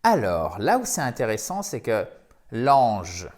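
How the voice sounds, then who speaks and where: A man whose first language is French, teaching English pronunciation in a lively, coaxing way, repeating words slowly as models. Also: medium pitch. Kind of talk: pronunciation lesson.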